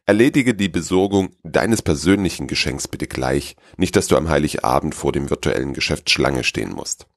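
A man hosting a podcast and reading a Christmas story in calm, measured storybook narration. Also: rumbling low, gravelly, dry recording, clean studio sound.

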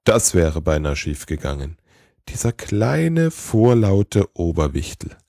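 A man voicing a tired, kindly old Santa Claus in a storybook tale, speaking slowly and wearily. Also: low-pitched, big pitch swings, creaky, warm tone, no echo, studio quality, full character voice. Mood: weary. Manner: slow, weary, grumbling.

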